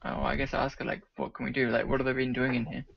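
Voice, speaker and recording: A man's voice: medium pitch, flat delivery, quick pace, creaky, crowd noise. A man playing in a tabletop game, talking casually and hesitantly with lots of "like". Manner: hesitant, full of "like". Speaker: player. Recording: muffled lo-fi recording with faint noise.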